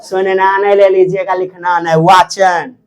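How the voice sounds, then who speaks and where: A male teacher leading an exam-prep lecture at an unhurried, very slow pace. He stretches out his words and repeats each key term so it sinks in. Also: high-pitched, flat delivery, clear, resonant tone.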